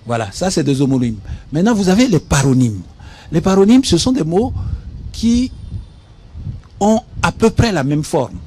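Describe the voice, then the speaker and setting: A man's voice: on the high side, big pitch swings, normal speed, mellow, breathy edge. A man from Benin explaining speaking skills on a studio talk show, teaching patiently and spelling words out. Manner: didactic, spells out words, asks "hein?". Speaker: guest expert on public speaking. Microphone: studio mic.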